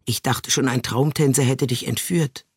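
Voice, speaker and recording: A man voicing a grumbling, nagging male fairy companion in a children's storybook, gruff and scolding. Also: mid-range voice, fairly even intonation, normal speed, no echo, studio quality.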